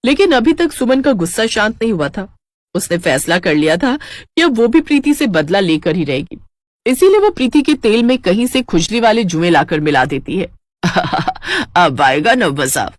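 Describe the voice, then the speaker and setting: Brief: woman storyteller, lively pitch, dry close sound. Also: moderate pace, dry recording. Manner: expressive narration. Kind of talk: scripted story narration.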